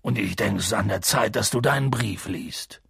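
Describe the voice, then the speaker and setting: A narrator voicing a hot-tempered giant male groundskeeper in an audiobook, gruff and booming in his outbursts. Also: normal speed, fairly bright tone, no echo, studio quality, exaggerated voice. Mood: gentle. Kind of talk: audiobook reading.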